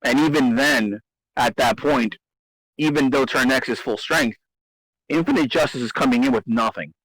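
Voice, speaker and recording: A man's voice: medium pitch, normal speed, a bit bright, slightly rough, no room sound, rough recording. Man explaining game strategy at length. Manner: explanatory, repeats himself, emphatic. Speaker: host. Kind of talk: casual gaming strategy discussion.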